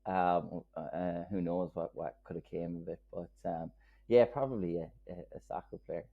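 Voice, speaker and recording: A man with a low voice and a west of Ireland accent from Kerry answers interview questions casually. He rambles a little, hesitating and doubling back on words, and the sound is thin, like a phone line. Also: normal speed, vocal fry. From Killarney, County Kerry, Ireland. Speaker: podcast guest. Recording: narrow phone-like call audio.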